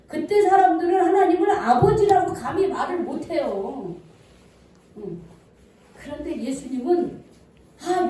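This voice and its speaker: Echoey, lively woman preaching to a congregation. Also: high-pitched, slight background noise. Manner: asks the congregation questions and answers them. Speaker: pastor. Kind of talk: sermon. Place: church sanctuary. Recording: echoey church hall, voice from far off.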